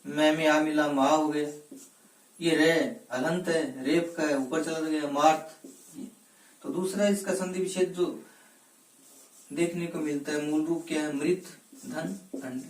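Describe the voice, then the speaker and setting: A fairly high-voiced male teacher works through a lesson at a deliberate pace. He keeps asking the class a question and then giving the answer himself, stressing each piece of a word. He is recorded off mic in an echoey room. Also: steady tone, recorded from a distance.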